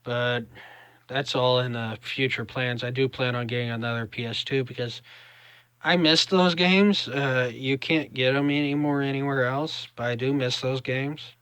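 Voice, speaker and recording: A young man with a Southern US drawl, chatting casually to camera in a halting, rambling vlog style. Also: mid-range voice, fairly even intonation, fairly bright tone, smooth, no echo. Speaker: vlogger.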